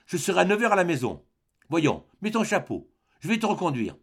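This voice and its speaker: Kind young son in an audiobook, soft and steady, reassuring, read by a man. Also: high voice, a little fast, slightly rough, pitched above the performer's own voice, exaggerated voice. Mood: firm reassuring. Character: gentle young man comforting his mother. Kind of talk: audiobook character voice.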